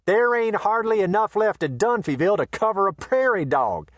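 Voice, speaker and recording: A man puts on a brash, boastful western saloon owner with a rough folksy drawl. The voice sits high and loud, full of swaggering threats. The recording is dry and close. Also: sing-song, normal speed, no echo. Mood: indignant.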